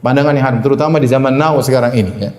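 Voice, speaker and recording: A man's voice: medium pitch, fairly even intonation, very fast, darkish tone. Man, preacher, Ramadan sermon, Arabic quotes with translation, humorous asides, roomy echo. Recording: echoey room.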